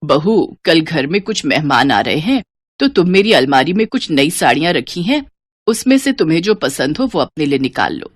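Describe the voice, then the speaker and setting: A woman voicing a stern, stingy mother-in-law who speaks curtly in a low voice. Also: very animated, moderate pace, no echo, clean studio sound. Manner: curt, stern.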